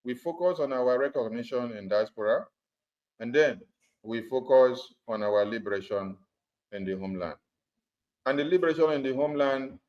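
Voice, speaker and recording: A man addresses a group over a conference call. His voice has an ordinary middle pitch and comes through a dull, muffled call line. He talks emphatically and drives his points home by repeating them. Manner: emphatic and repetitive, hammering points. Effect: conference call audio. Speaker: activist speaker addressing supporters. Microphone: phone or computer on a group call.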